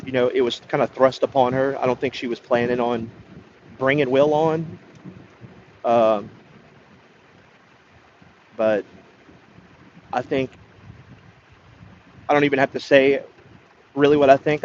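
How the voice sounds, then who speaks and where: Man, livestream chatter, profane, halting restarts; muffled lo-fi audio. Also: mid-range voice, darkish tone, slight background noise. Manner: rambling, profane, hesitant restarts. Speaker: livestreamer greeting chat. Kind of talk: casual livestream chat.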